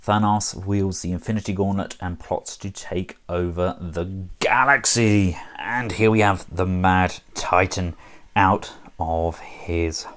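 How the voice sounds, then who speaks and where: A man's voice: sits low, fairly even intonation, measured pace. A man casually reviewing a collectible action figure, chatty with wry asides.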